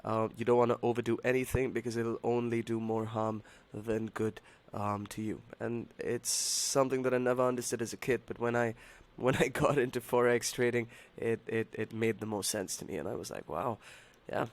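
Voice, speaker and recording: A man hosting a trading livestream, talking casually and haltingly to his viewers in a hoarse voice that sounds unwell. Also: mid-range voice, fairly even intonation. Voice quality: hoarse, strained voice. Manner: halting, repeats himself, addresses viewers as buddy and man. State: unwell, voice not as usual. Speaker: live trading stream host.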